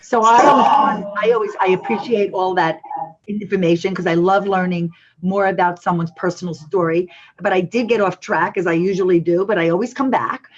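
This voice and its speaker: Brooklyn-accent lady hosting a talk show, chatty and jokey about herself, lowish voice, muffled sound. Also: fairly even intonation, fairly quick, slight background noise. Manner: chatty, self-deprecating. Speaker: host. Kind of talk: casual interview chat.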